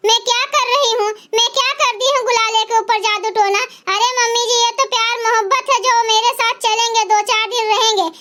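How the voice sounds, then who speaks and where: A high, bright young daughter-in-law from a cartoon, played by a woman. She pleads and protests with a tired, fed-up edge. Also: a little hiss or hum. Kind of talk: cartoon voice acting.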